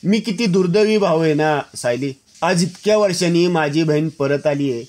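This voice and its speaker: A man's voice: a little high, normal speed, darkish tone, close to an everyday voice. A man voicing a sorrowful middle-aged father grieving his lost sister.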